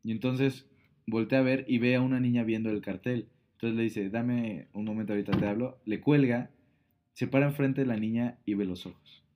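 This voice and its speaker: A man's voice: mid-range voice, fairly even intonation, normal speed, dull audio. A man, casually retelling a film plot on a podcast, full of fillers and quoted lines. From Mexico. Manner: storytelling with many fillers. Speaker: podcast co-host.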